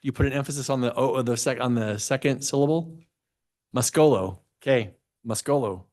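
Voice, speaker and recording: A man's voice: mid-range voice, a little fast, a little mellow. A man on city staff who sets up the recording and calls the roll in a casual way. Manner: casual, checks pronunciations. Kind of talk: running roll call.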